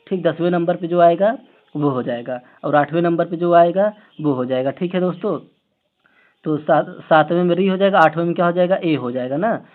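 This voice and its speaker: A man with a fairly high voice runs an exam-prep grammar lesson online. He walks through memory tricks, keeps firing rhetorical questions and talks aloud as he writes on the screen. The sound is thin and tinny, like a phone line. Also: moderate pace. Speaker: Hindi exam teacher.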